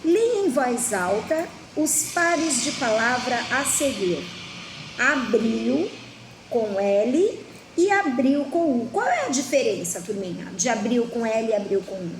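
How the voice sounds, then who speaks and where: A woman's voice: fairly high pitch, very animated, unhurried. A woman teacher with a Brazilian Portuguese accent giving a children's lesson, patient, often asking the class questions. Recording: echoey room with faint noise.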